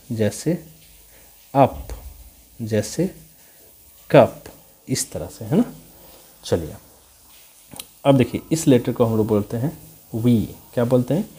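A man's voice: medium pitch, warm tone, husky. A man teaching English letter sounds, repeating each sound and quizzing the viewer with call-and-response questions. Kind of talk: slow repetitive phonics lesson.

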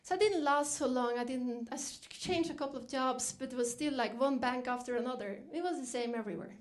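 A woman's voice: high voice, fairly quick. A middle-aged woman from Norway, giving a reflective storytelling dinner keynote, lifting her voice when she quotes herself. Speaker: keynote speaker.

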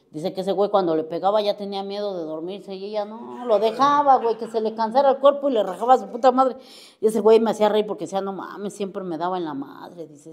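A woman's voice: mid-range voice, darkish tone. A middle-aged woman with a Mexico City accent who gives a personal recovery testimony to an AA group, talking bluntly in crude street slang and swearing constantly. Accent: Mexico City Spanish. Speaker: AA member giving testimony.

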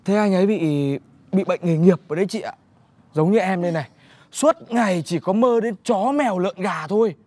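A theatrical nosy neighbor. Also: male voice, sits high, a little fast, darkish tone, dry recording. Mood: chatty. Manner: overblown lamenting and know-it-all explaining. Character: nosy village neighbor man, theatrical and tactless.

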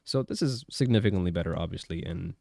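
A man's voice: sits low, animated, fast talker, vocal fry, mellow, no room sound. A man giving casual hands-on tech commentary, talking conversationally and often checking in with the viewer. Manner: conversational, talks through tests with frequent check-in questions. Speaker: tech reviewer.

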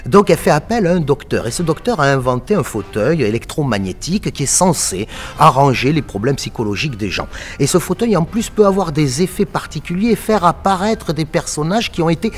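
In a fairly quick, animated voice on the high side, a theatre director in his forties answers interview questions with enthusiasm and emphasis. He runs a theatre company and sits in its empty auditorium as soft music plays in the background.

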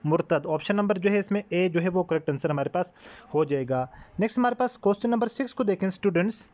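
A man's voice: high-pitched, a little mellow. A man teaching a test-prep lesson, explaining word meanings and repeating each answer.

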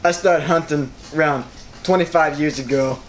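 A man's voice: a little high, moderate pace, a little hiss or hum, natural voice. A man playing a boastful, impatient veteran crocodile hunter in an improvised comic game show.

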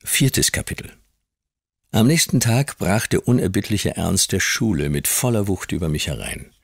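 A man narrating a classic novel in the first person as an audiobook reader, calm and measured. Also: low voice, gravelly, no room sound, studio quality. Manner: calm storytelling.

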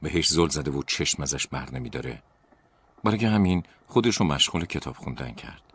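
A man from Tajikistan narrating horror stories with a measured, dramatic delivery, in a noisy recording with crickets outside. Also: extremely low pitch, lively intonation, fairly bright tone, husky. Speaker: storyteller. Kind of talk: scripted horror story narration. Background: crickets chirping.

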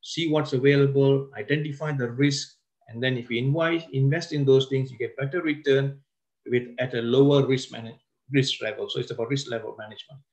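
A man presenting a wealth seminar as a lecture. He slows down to stress key words and often breaks off and restarts his sentences. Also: medium pitch, fairly even intonation, a little mellow, muffled recording.

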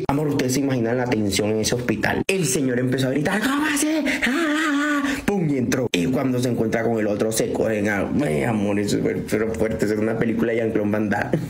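A man's voice: mid-range voice, brisk, creaky. A man, a doctor telling a dramatic anecdote in a theatrical way, acting out the people he quotes. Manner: animated, theatrical, acts out quoted voices, laughs often. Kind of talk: storytelling anecdote. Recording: echoey room with faint background ambience.

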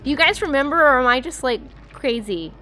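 This streamer, a young East Coast woman with an American accent, talks casually to her audience during a gaming stream, chatty, giggly and full of fillers. Her voice sits high and sounds animated, pushed and bright, and she speaks a little fast.

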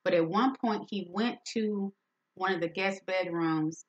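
A woman's voice: lowish voice, unhurried, dull audio. A woman host candidly retelling a friend's painful story in a personal talk, speaking with emphasis.

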